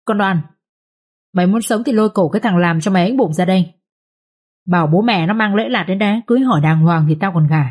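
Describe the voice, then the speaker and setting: A woman's voice: mid-range voice, fast talker, a little mellow, close to an everyday voice. Woman voicing a furious old village patriarch. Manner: barking, harsh scolding. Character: furious stern village patriarch, older man.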